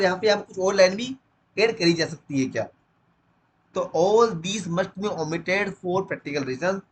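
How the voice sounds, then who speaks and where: A man teaching a literature lesson line by line. He reads the English text slowly, then explains it quickly in Hindi. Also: high voice, slight background noise, poor audio.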